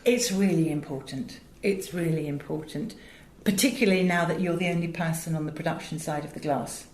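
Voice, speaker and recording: This middle-aged Englishwoman has a low, slightly mellow voice and speaks fairly quickly. As an interview guest who directs and produces audiobooks, she replies in a chatty manner, telling stories with emphasis and wandering into asides. Echo fills the room, and faint noise sits underneath.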